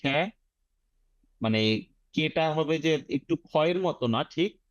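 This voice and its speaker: A man's voice: fairly high pitch, expressive, takes it slowly, no echo, muffled recording. Bangladeshi man drilling English pronunciation. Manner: drills words syllable by syllable, mixing English phrases into his explanations. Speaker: IELTS teacher. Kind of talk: online class teaching pronunciation. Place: online video class.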